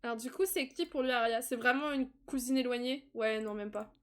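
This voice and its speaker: Playing a life-simulation game live, a young woman chatters away in a slightly high voice at a slightly fast pace. She laughs a lot and lets out excited squeals.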